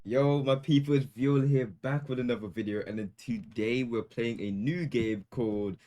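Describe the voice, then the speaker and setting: A man's voice: medium pitch, steady tone, normal speed, very noisy. A young man giving casual, joking gameplay commentary as a gaming YouTuber, hyped and full of slang.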